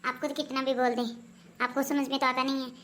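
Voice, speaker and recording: A woman plays a grown daughter who can't stop meddling in her mother's household, her voice pitched high and her tone reproachful. She nags and warns in an amateur family skit, with faint hiss in the background. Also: level tone, fast talker, fairly bright tone. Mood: scolding. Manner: nagging, reproachful.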